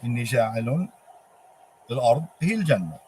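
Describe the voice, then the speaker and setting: A man with a Palestinian Arabic accent giving an informal religious monologue, halting and posing emphatic rhetorical questions. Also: medium pitch, sing-song, a little mellow. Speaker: religious speaker. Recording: clearly noisy ambient background.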